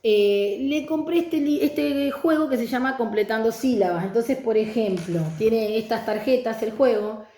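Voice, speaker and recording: A woman's voice: on the high side, measured pace, few pauses, dark tone, reverberant, slight background noise. A middle-aged woman teacher giving a conversational online lecture on reading pedagogy.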